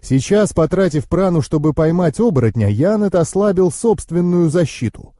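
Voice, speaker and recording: A man reading a fantasy audiobook in the first person, with steady, expressive storytelling. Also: fairly high pitch, moderate pace, dry recording, clean studio sound. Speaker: audiobook narrator.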